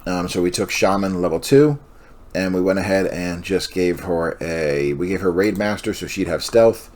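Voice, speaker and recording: A man hosting a casual walkthrough of building a tabletop army list, rambling with many pauses and self-corrections, and sounding tired. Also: low voice, darkish tone. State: yawning, tired. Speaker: host.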